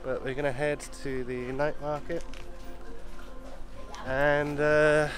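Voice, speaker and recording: High-voiced man vlogging on a city street. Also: little pitch movement, takes it slowly, music in the background. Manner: chatty, teasing, laughs often. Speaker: travel vlogger. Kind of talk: casual vlog chat. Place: outdoors on busy city streets and night market. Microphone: handheld camera at arm's length.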